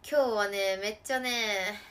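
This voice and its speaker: A woman chatting casually on a live stream while she plays a game. She laughs often and breaks into sudden loud outbursts. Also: mid-range voice, unhurried.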